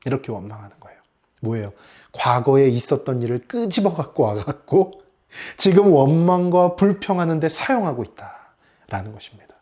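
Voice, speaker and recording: A man's voice: a little high, very animated, moderate pace, a little mellow. A male pastor preaching a morning sermon, asking his congregation rhetorical questions and acting out the complaining voices of people in his story. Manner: acts out complaining voices in quotes.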